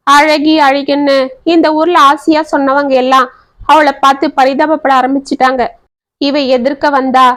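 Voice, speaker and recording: A woman's voice: high voice, a bit bright. A woman voicing a widowed village mother who laments her daughter's fate through tears in a family tale. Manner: lamenting, sobbing speech.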